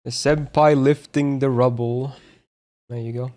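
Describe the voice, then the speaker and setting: A man's voice: mid-range voice, fairly even intonation, measured pace, a little mellow, a little hiss or hum. A young man streaming a visual novel, reading its text aloud and joking between lines. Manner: casual, joking, reacts with laughs. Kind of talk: gameplay commentary and reading game text aloud.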